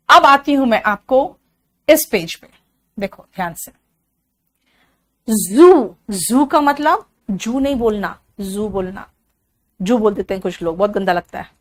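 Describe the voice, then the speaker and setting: A woman from Bihar teaching spoken English, drilling each word slowly and calling her students "beta". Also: mid-range voice, expressive, a bit bright. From Bihar, India.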